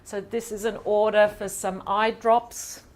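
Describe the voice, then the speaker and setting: A woman professor giving a seminar lecture in a lecture hall, lively and chatty, with quick asides and questions to the audience. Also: medium pitch. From Ireland.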